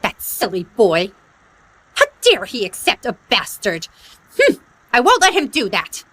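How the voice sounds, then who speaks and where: A woman's voice: huge pitch swings, pushed and bright, long reverb tail, heavily acted, rough recording. An actress playing a domineering older mother who fakes an illness to control her son, with a scolding, imperious manner. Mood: scheming. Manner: imperious, scolding, slow and high. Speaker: mother-in-law in a short drama. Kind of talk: dubbed drama acting.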